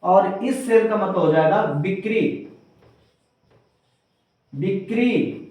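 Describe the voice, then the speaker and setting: A man's voice: high-pitched, slow pace, darkish tone. A male teacher giving a grammar lesson, spelling out words letter by letter and repeating each term. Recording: roomy echo, from far off.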